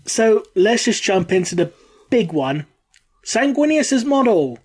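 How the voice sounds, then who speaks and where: A man hosting a casual podcast chat sounds a bit congested from a cold, yet jokes and laughs often. His voice sits high with big pitch swings, a measured pace, and a darkish, slightly rough tone.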